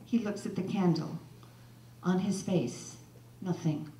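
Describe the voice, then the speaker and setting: A woman's voice: lowish voice, slow pace, dark tone, a little hiss or hum. Wry woman telling a story live. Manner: wry, self-mocking humor. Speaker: storyteller and mother. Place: holiday sing-along event, indoors. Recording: echoey live-room recording from a distance.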